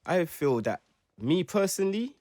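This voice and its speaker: A man's voice: sits high, big pitch swings, normal speed, a little mellow, no room sound. A man hosting a casual podcast chat, preachy and philosophical, drawing out his points.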